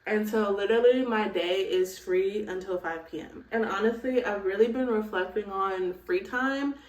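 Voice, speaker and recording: A woman's voice: mid-range voice, moderate pace, darkish tone, dull audio. Candid woman vlogging in a roomy space. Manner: candid and reflective, lots of "like" and "girl". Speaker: lifestyle vlogger. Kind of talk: casual vlog chat. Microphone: phone camera. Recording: roomy sound from away from the phone.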